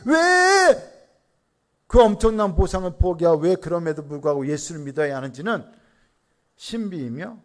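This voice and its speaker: A middle-aged male pastor preaches a Sunday sermon in a high voice for a man. His intonation climbs and falls widely. He poses questions to the congregation, answers them himself, and mixes in stories about his family. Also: animated, a little fast, dark tone. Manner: tells personal family stories in a conversational tone. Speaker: senior pastor.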